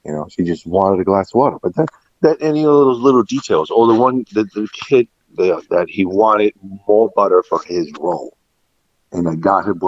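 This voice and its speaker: In an echoey room, a deep-voiced middle-aged man who has worked in restaurants and catering is interviewed casually. He tells personal stories reflectively, full of anecdotes and recalled conversations, and the recording comes across muffled.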